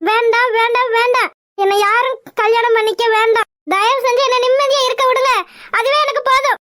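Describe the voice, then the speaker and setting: A woman's voice: very high-pitched, fairly even intonation, brisk, fairly bright tone, no echo, clean studio sound. A woman voicing a stubborn young woman in a cartoon, scolding and insistent as she pushes away her suitor. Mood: pleading. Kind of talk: cartoon voice acting.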